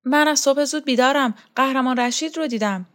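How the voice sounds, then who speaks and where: Meek young woman, voice pitched high and small, pleading softly and unsure of herself, voiced by the woman reading. a gentle storybook heroine who backs away rather than argue. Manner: pleading, hesitant.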